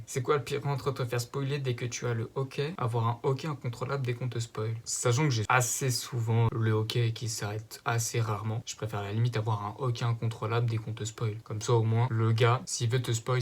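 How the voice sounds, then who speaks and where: A young man doing a casual, slangy commentary, reading quiz questions aloud and answering them with jokes. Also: medium pitch. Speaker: YouTuber.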